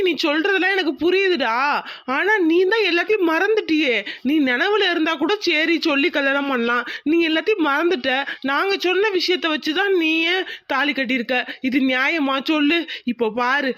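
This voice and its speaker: Cartoon best-friend character voiced by a woman, urging and coaxing, with a high voice and a dry close sound. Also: fairly quick, fairly bright tone, dry recording. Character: young man, loyal friend, coaxing and scolding. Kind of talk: cartoon voice acting.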